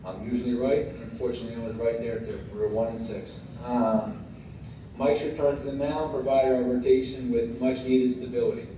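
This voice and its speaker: An American man, a head coach giving a semi-scripted tribute speech in a halting way, moving between read-out praise and informal asides. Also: medium pitch, steady tone, mellow. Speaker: high school baseball head coach. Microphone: distant microphone. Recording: very echoey room, distant mic, clear background noise.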